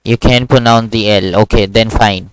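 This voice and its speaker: A male online Quran teacher with a smooth voice recorded dry and close on a video call. He speaks in an even, steady tone, patiently repeating sounds slowly so a young student can copy them. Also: lowish voice, no room sound, rough recording. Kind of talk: one-on-one online lesson.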